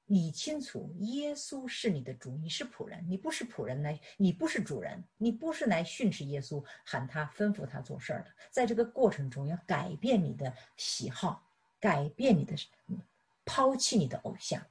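A woman's voice: fairly low pitch, big pitch swings, normal speed, husky. A middle-aged woman teaching a sermon on prayer, chiding her listeners with rhetorical questions and stumbling over repeated words. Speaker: Bible teacher.

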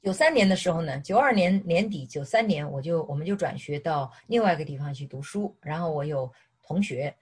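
A middle-aged woman from mainland China gives an animated sermon, mixing personal testimony with questions to her listeners. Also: deep voice, brisk, few pauses, husky. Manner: animated, repeatedly asks "是不是". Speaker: preacher.

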